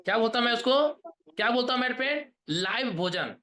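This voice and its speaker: A man in his thirties giving an energetic sales pep talk on a video call, rousing the audience with questions and chants. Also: very high voice, brisk. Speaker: motivational trainer.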